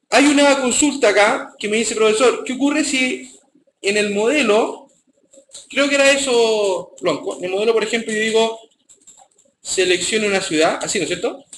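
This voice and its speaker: High-voiced Chilean man teaching code. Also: bright, forceful tone, echoey room, a little hiss or hum, poor audio. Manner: checks in with students, repeats "ya?". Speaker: programming teacher. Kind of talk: live online programming class.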